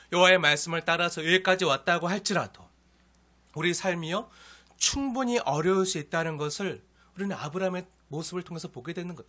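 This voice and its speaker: Male pastor, sermon, high voice, bright tone, dramatic swings from loud to whispered. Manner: swings from loud pleading to hushed near-whisper.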